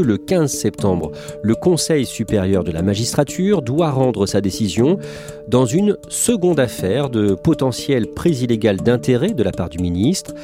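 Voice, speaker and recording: A man presenting a news report, reading measured scripted narration and asking a reporter questions. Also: mid-range voice.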